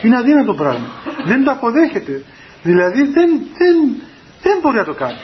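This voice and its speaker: A man's voice: extremely high pitch, wildly swooping pitch. A man giving a storytelling homily as a monastic elder, anecdotal and chuckling, taped on an old cassette. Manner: anecdotal, chuckling, acts out quoted dialogue. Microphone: cassette recorder in the room. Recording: dull lo-fi 1990s cassette recording with faint hiss.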